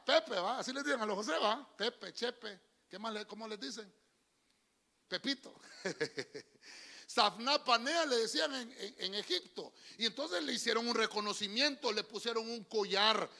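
High, lively preacher. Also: male voice, gravelly, long reverb tail. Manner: animated and folksy, often calls listeners "brother". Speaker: pastor. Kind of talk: sermon. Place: church before a congregation.

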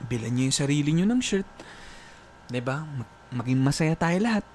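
A man's voice: fairly high pitch, expressive, moderate pace, a little mellow, slight background noise. A man hosting a casual podcast chat, upbeat and joking, laughing often, mixing Tagalog with English. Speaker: host.

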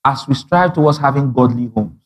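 A pastor with a mid-range voice preaches a sermon at a brisk pace. He tells stories in an animated way, acting out the dialogue and laughing often.

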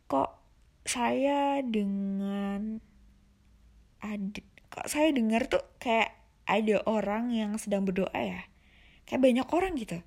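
A woman's voice: a little high, slow pace, long pauses, darkish tone. A woman voicing an older male senior driver with a thick Javanese accent, asking puzzled questions on a phone call.

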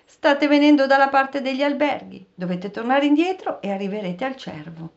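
A man's voice: very high-pitched, expressive, normal speed, gravelly, highs cut off, voice pushed up, heavily acted. A woman voicing a blunt, helpful local man in an audiobook reading. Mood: matter-of-fact.

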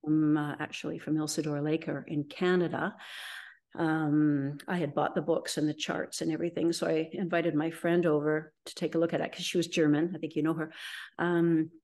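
Low-voiced middle-aged woman telling her story. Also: little pitch movement, moderate pace, darkish tone. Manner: rambling, with frequent ums and restarts. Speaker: interview guest. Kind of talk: conversational storytelling.

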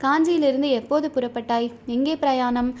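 A woman's voice: high voice, fairly even intonation, fairly quick, darkish tone, lightly acted. A woman voicing a proud, fierce old male chieftain in a storybook reading, stern and commanding. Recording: dull lo-fi recording.

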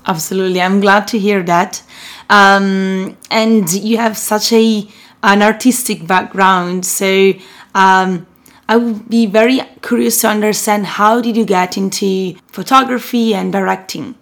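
A woman's voice: mid-range voice, steady tone, a little slow. A woman hosting an interview, asking friendly, curious questions. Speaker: host.

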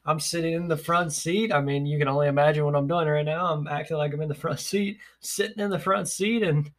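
A man's voice: fairly high pitch, brisk. A young man hosting a podcast, telling stories in casual chat with frequent laughs. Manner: animated, laughing storyteller. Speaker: podcast host.

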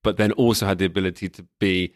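In a casual podcast conversation about film, a man thoughtfully and analytically picks apart a movie's themes, restarting frequently. His deep voice moves fast with fairly even intonation, and the sound is clean studio audio with no room sound.

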